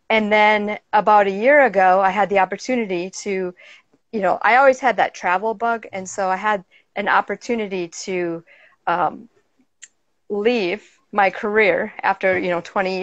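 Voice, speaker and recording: A woman in her forties with a Minnesota accent, a guest chatting casually on a video call from a sailboat, bubbly and quick to laugh. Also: mid-range voice, no room sound. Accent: Minnesota American. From Minnesota, USA. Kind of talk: casual interview chat. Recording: dry, dull video call audio.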